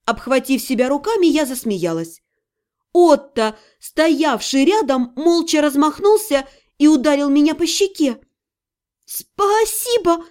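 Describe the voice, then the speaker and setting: Give me a woman with a high voice reading a fantasy novel aloud in first person, wry and brisk. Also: expressive, darkish tone. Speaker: audiobook narrator.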